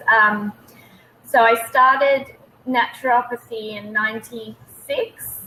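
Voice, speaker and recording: An Australian-accented woman in her thirties, a naturopath appearing as an interview guest, tells her own story casually and a bit hesitantly over a video call. Her voice is fairly high, pushed and bright, and the poor audio carries slight background noise.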